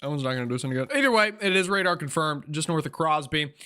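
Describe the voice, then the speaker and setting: A man hosting a live weather stream, giving informal, urgent and excitable storm commentary while thinking aloud. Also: on the high side, quick pace, clear, resonant tone.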